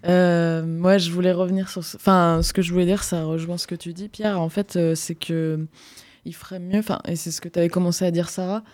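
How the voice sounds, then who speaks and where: A woman's voice: fairly low pitch, little pitch movement, a little fast, a little mellow. A woman on a discussion panel talking casually and informally.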